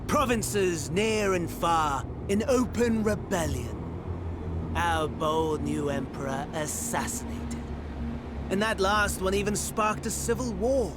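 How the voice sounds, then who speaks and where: Against background music and a noisy backdrop, a man acts a smug, scheming imperial servant in a video game cutscene, a theatrical villain who relishes every grandiose, mock-reverent phrase. He sits high in pitch, with lively intonation, and takes it slowly.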